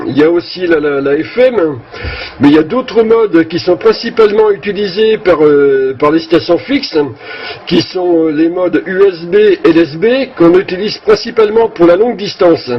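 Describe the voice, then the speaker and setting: Man, over CB radio, muffled lo-fi sound, faint hiss, hesitant with many fillers. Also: fairly high pitch. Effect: heard over a CB radio link. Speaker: CB radio operator. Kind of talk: casual explanatory radio chat.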